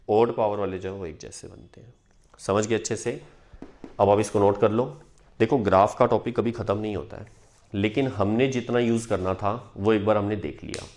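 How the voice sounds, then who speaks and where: A man teaching a math lesson at a board, often stopping to check that students follow. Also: fairly low pitch. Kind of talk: whiteboard lesson.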